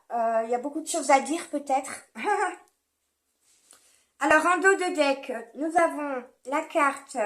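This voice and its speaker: A woman whose first language is French gives a chatty, rambling casual card reading, full of fillers and small laughs. Her voice is high with a fairly bright tone.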